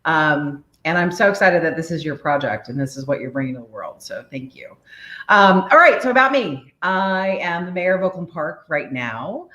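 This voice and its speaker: Low-voiced upbeat woman in her forties. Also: normal speed, echoey room. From United States, DC area. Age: 40s. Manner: energetic, upbeat, laughs often. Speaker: guest, city mayor. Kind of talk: podcast interview, casual.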